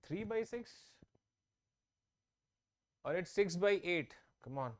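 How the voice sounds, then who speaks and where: In an online math class aimed at exam preparation, a man speaks slowly with a high-pitched, animated voice through his own microphone. He walks through each step, says things more than once and keeps checking whether students are keeping up.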